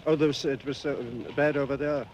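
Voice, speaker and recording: A man's voice: a little high, level tone, a little fast, a crowd in the background. A man working as a reporter, chatting in casual interviews and prompting with short questions.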